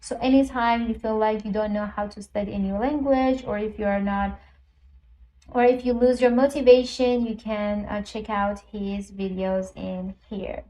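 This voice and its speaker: This woman has a mellow, medium-pitched voice with a steady tone and moderate pace, heard on a low-quality recording. A language teacher whose first language is Persian, she chats through a screen-recorded app demo step by step, saying um and uh often.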